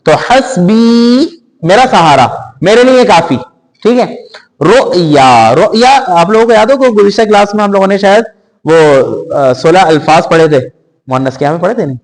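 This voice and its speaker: High-voiced Quran teacher, drawn-out words, reverberant hall. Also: male voice, expressive. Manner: drawn-out stressed words, then quick glosses and questions to the class. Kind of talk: classroom vocabulary lesson.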